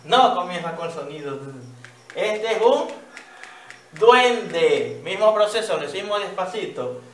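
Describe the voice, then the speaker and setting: A man teacher giving a children's reading lesson, patiently sounding out words slowly and checking in with "¿ya?". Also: sits high, lively intonation, echoey room.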